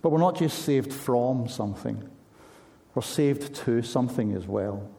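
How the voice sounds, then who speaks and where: A man's voice: medium pitch, animated, a little slow, gravelly, dark tone. A man preaching a sermon in an earnest, conversational way, asking his listeners pointed questions.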